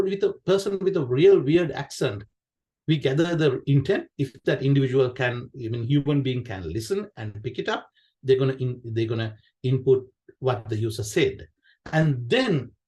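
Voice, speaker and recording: Speaking in a mid-range, somewhat mellow voice, a Sri Lankan-accented man whose first language is Sinhala leads a conference session as a QA director. His informal technical talk is full of repeated phrases and check-in questions tagged with "right?".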